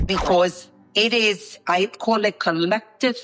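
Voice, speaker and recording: A woman's voice: mid-range voice, takes it slowly, fairly bright tone. Interview guest, woman from the Dominican Republic, eager and emphatic, faint music underneath. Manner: enthusiastic, emphatic, repetitive. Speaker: guest, co-founder of a leadership program. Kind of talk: interview answers.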